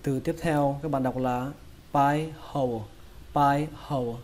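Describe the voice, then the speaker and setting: Mellow-voiced man drilling English words. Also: medium pitch, fairly even intonation. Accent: Vietnamese. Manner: repeats each word slowly, breaking it into sounds. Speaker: English pronunciation teacher. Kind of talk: slow, drilled pronunciation lesson.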